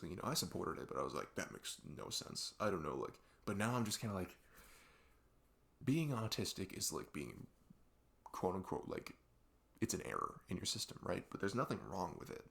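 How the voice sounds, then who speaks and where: A young man takes the role of an earnest male best friend who opens up late at night in an intimate ASMR roleplay with an unscripted feel. He rambles reflectively and haltingly, often using "like" and "you know", and his voice carries vocal fry.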